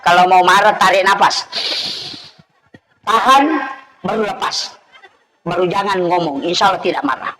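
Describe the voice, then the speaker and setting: A man's voice: high-pitched, moderate pace, pauses often, noisy background. A man with a Bugis accent preaching a humorous sermon at an evening gathering, teasing the audience and acting out scolding parents.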